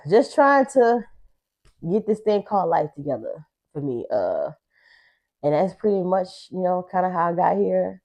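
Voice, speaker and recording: A woman with a low, warm, mellow voice tells a personal story. She speaks haltingly and restarts her sentences often. She sounds emotional, holding back tears. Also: poor audio. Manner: halting, with many fillers and restarts. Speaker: co-host.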